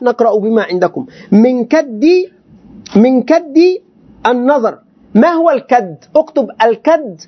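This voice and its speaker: A man's voice: extremely high pitch, slightly rough. A sheikh lectures a class on a classical text. He stops often to explain words and put questions to his students. The recording sounds dull and lo-fi. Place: teaching session with students present.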